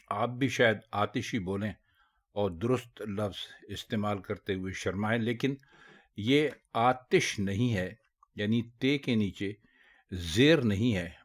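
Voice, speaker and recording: Speaking very slowly and with care, a man with a fairly low voice goes through Urdu pronunciation one word at a time, stressing the right form of each. This spoken lesson keeps a steadily patient, teaching tone.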